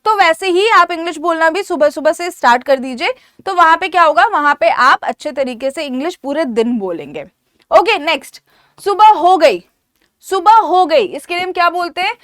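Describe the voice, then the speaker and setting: A woman, teaching everyday English phrases in Hindi and repeating each phrase slowly for practice. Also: extremely high pitch, animated, fairly bright tone, dry recording, clean studio sound. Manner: slow, drilled repetition of phrases. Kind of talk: Hindi-language English lesson.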